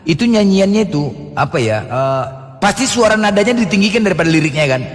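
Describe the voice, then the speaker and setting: Animated man with a lively voice. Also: high voice, brisk, long reverb tail. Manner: animated, teasing, full of rhetorical questions. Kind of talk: casual religious talk.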